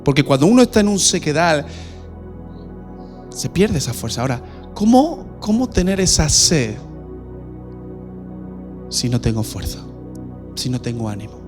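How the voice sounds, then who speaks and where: A pastor preaching a sermon in a church, direct and questioning. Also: male voice, fairly high pitch, sing-song, unhurried, long pauses, over music.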